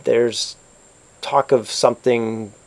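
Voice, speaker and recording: Man doing a scheming informant, gravelly, hedging, money-hungry. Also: mid-range voice, steady tone, darkish tone. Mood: secretive. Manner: halting, hedging bargaining talk.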